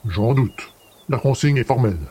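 A man playing a wry, husky fifty-year-old detective. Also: medium pitch, mellow, natural voice. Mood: dry ironic. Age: 50s. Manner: dry, ironic, unhurried. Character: cool ironic middle-aged male police detective.

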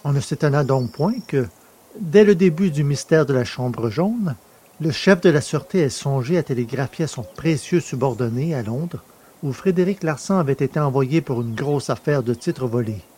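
A man narrating a story in the first person, in a measured storytelling manner. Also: mid-range voice, expressive, dark tone, slightly rough.

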